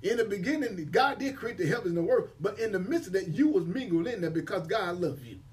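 A man's voice: high-pitched, animated, quick pace. A man preaching an impassioned sermon in a rising and falling cadence. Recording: voice from far off the mic.

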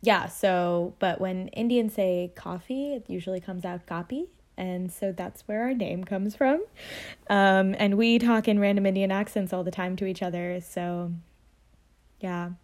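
A woman's voice: medium pitch, fairly even intonation, measured pace, a little mellow. Chatty young woman co-hosting a podcast. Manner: chatty, laughs often, many fillers. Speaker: podcast co-host. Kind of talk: casual chat.

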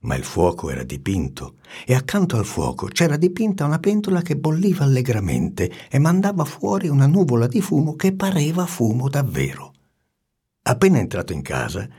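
A man reading a storybook aloud with an expressive, swinging delivery and hushed asides. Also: mid-range voice, breathy edge.

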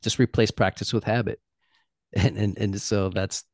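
A man's voice: on the low side, fairly even intonation, moderate pace, a little mellow, dry recording, studio quality. A man in his forties talking loosely and candidly, swearing and laughing easily. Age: 40s. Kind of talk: casual chat.

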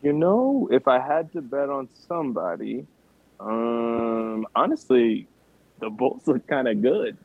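A young man with a husky voice in casual, slangy sports talk, reasoning aloud hesitantly over a thin line. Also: mid-range voice, very animated, slow, slight background noise. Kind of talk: casual sports commentary among friends. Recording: thin phone-like line, dry sound.

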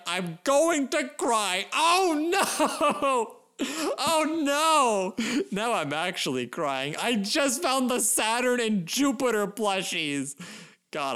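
A podcast host talks in an unhurried way, with a voice that leaps all over its range. Dry, sarcastic remarks give way to melodramatic gushing. The delivery is comedic commentary with plenty of exaggeration. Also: medium pitch, clear, resonant tone. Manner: gushing, theatrical overexcitement; sarcastic asides.

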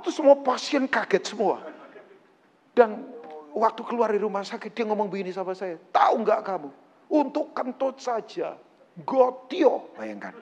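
A man preaching a sermon to his congregation, animated and joking, acting out quotes. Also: high-pitched, long reverb tail. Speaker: pastor. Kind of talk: lively sermon.

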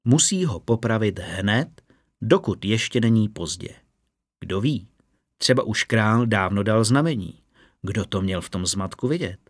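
A man narrating a fantasy story in a steady, measured audiobook reading. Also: on the low side, dry recording, clean studio sound.

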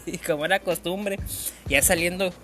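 A young man with a northern Mexican accent spins a crude comic story, animated and laughing as he jumps into different voices. His voice is high and bright, and soft music plays faintly underneath. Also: a little slow. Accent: Mexican Spanish, northern. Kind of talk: comedic storytelling, heavy slang.

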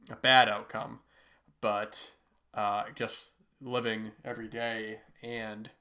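A man's voice: fairly low pitch, sharp tone. A man with a congested, nasal, stuffy-nosed voice from a cold, hosting a casual, rambling, laid-back talk about movies. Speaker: host of a weekly movie talk show.

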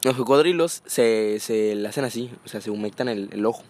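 A man's voice: fairly low pitch, fairly quick, darkish tone, a little hiss or hum. A young man with a Mexican accent in casual chat, dropping teasing interjections and dry jokes. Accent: Mexican Spanish.

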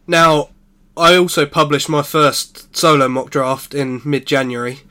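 Man, fairly high pitch, football draft commentary, top ten countdown announcing, podcast panelist. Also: steady tone, unhurried, bright, forceful tone.

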